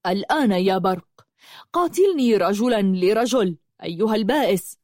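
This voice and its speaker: A woman's voice: mid-range voice, normal speed, darkish tone, no room sound, clean studio sound, lightly acted. A woman narrator voicing a brave young male writer who answers his foe with firm, confident defiance, in an audiobook. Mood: defiant.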